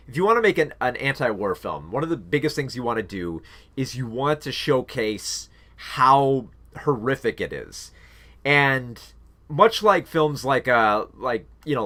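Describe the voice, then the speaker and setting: Male film reviewer, mid-pitched, loose and chatty with lots of "like" and "um". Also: a bit bright. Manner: rambling, many fillers and restarts. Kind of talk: casual spoken movie review.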